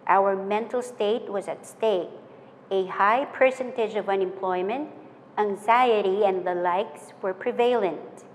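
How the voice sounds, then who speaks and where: Earnest woman giving a formal speech. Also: mid-range voice. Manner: measured, earnest, list-like delivery. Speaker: commencement speaker. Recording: hall reverb with faint noise.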